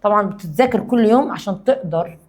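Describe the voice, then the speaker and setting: An Egyptian woman teaching a classroom grammar lesson in a voice of middling pitch for a woman. She explains at a brisk clip, then slows right down to read each English example word by word. Her Egyptian Arabic accent runs through the whole lesson. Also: lively intonation, darkish tone.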